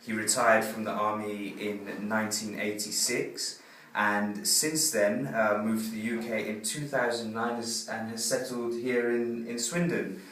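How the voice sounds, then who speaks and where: A man's voice: on the low side, flat delivery, measured pace, fairly bright tone, slight background noise. A man hosting a radio interview, friendly and rambling, with many ums and uhs. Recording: echoey room, distant mic.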